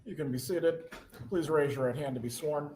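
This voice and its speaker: A man's voice: fairly high pitch, moderate pace, a little mellow. A man, a judge in a courtroom recording, giving formal instructions and swearing in a witness. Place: large courtroom. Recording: echoey courtroom from far off, faint noise.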